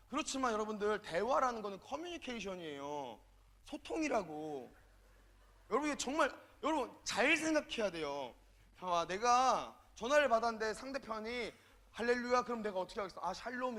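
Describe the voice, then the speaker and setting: A man preaching as a youth minister, telling a story with lively acted-out dialogue that swings between soft asides and loud bursts. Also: high voice. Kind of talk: storytelling sermon.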